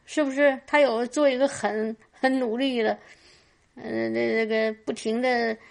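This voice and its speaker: A woman's voice: a little high, steady tone, measured pace, vocal fry. A woman preaching at a church meeting in a fervent testimony style, often crying out hallelujah and stumbling over repeated words. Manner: stammers and repeats words while talking.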